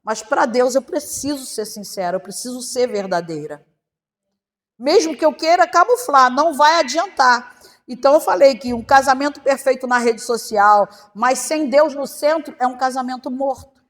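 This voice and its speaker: Woman pastor, Brazilian accent, high voice, impassioned sermon, long church-hall reverb. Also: animated, normal speed. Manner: impassioned preaching, swinging between loud and hushed; acts out prayers in quoted first person.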